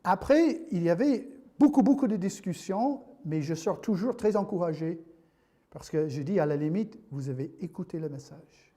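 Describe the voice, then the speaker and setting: A man delivers a church sermon in a high, mellow voice. He keeps things jokey and loose, stumbling and restarting mid-sentence as he thinks aloud. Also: lively intonation. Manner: jokey, halting, with many restarts. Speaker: preacher.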